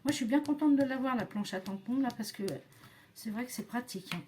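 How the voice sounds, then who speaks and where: A woman's voice: a little high, brisk, dark tone, a little hiss or hum. A woman, demonstrating a craft project in a chatty, hesitant way, full of fillers and self-talk. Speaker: crafting tutorial host.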